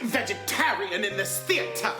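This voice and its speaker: A woman's voice: medium pitch, lively intonation, moderate pace, reverberant, music in the background, close to an everyday voice. A woman playing a pompous, hot-tempered male theatre actor-manager in a grandiose, declamatory manner. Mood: indignant. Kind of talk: amateur online musical reading.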